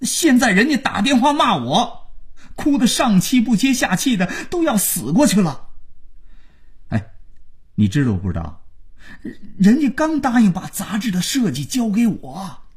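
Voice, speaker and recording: A male narrator voices a blunt, proud man, curt and quick to scold. The raspy, breathy voice swings widely in pitch. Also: wildly swooping pitch, warm tone, exaggerated voice.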